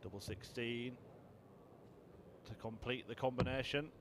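A man giving measured, understated and informative sports commentary on a darts match. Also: medium pitch, steady tone, noisy background.

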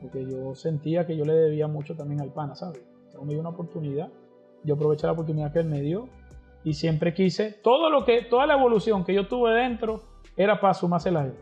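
Appearing on a podcast, a man with a slightly high voice speaks quickly, spinning stories in animated, slangy talk and voicing the people he quotes. It's a casual storytelling interview, recorded with somewhat dull sound and faint background music.

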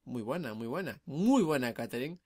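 A young man, chatting excitedly while commentating his own gameplay, full of tag questions. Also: medium pitch, normal speed, dry recording, studio quality. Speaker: gamer commentating his match.

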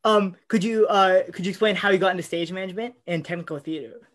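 A young man hosts a casual interview over a video call, friendly with brief, slightly halting remarks. His voice sits a little high for a man. He talks through a headset mic in a small room. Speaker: host. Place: small room with purple lighting.

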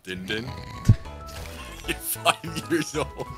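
A man's voice: mid-range voice, expressive, very slow. A man trading casual, slangy banter with friends while playing a video game. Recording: music behind the voice.

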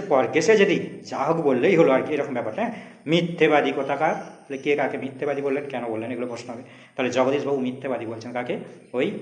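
A man's voice: medium pitch, echoey room. A Bengali-accented man teaching a school literature lesson, reading old prose aloud and then explaining it in plain speech with exam questions.

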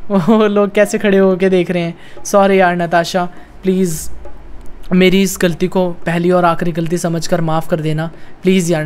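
A high-pitched man hosts a gaming channel, giving chatty gameplay commentary and playfully narrating his character's romance while constantly calling his viewers friends and brothers.

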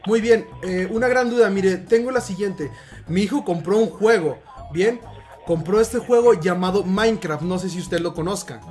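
Pretending to be an anxious father, a young man prank-calls someone from a room in his house, his manner courteous and unsure. His voice sits high and a little mellow at a normal speed, over faint background music.

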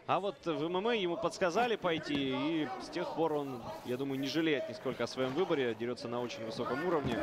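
A man's voice: fairly high pitch, fast, hardly any pauses, over a noisy crowd. A man co-commentating on a fight, giving analytical commentary.

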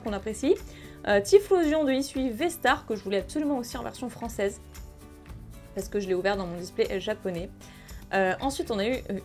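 A young woman chatting casually while opening trading card packs, breaking into excited exclamations. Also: a little high. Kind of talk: casual excited unboxing chat.

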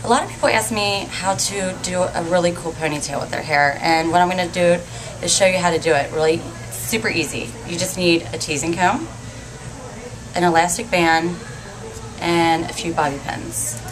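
A woman's voice: on the low side, moderate pace, rough recording. A young woman hair stylist casually explaining a hairstyle step by step while doing her own hair in a salon. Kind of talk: hairstyling tutorial.

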